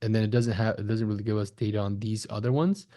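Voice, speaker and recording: This man, an online marketing instructor and agency founder, talks fast in a lowish, dark voice with a steady tone. He guides a screen-share tutorial step by step in a conversational way, often tossing in "right?" or "okay?" to check in.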